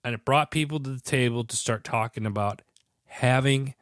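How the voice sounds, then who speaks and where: A male podcast host with a stuffy head cold talks at a moderate pace in a mid-range voice. He's earnest and rambling in this casual podcast chat, often restarting sentences, and the recording is very dry with no room sound at all.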